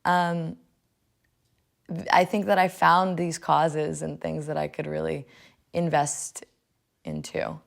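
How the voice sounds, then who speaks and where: Reading a poem as part of a personal reflection, a law student in her 20s from Illinois in the United States speaks with a measured, expressive delivery. Her slightly low voice carries marked vocal fry, recorded indoors in a furnished living room.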